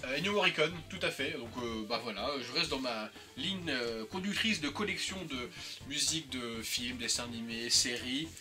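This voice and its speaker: A man's voice: mid-range voice, animated, normal speed, pushed and bright, faint music behind. A man in his thirties chatting casually and joking about flea market finds, laughing often. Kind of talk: casual chat.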